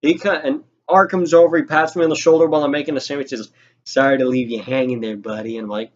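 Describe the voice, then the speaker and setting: A young man with a mid-range, steady voice tells a quick-paced, informal, sweary story from his own experience, exasperatedly acting out people's words. The lo-fi recording has slight background noise.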